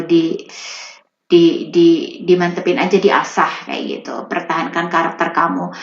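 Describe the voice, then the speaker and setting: A woman working as a voice-over artist, chatting casually in an interview and explaining with lively rises in her voice. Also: mid-range voice. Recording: roomy, slightly dull recording.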